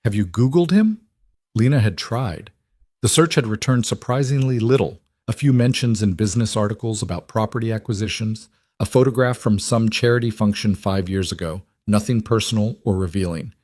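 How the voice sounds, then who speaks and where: A man narrates a romance story at a measured, even pace. His voice sits low and the recording is dry and close. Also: no echo.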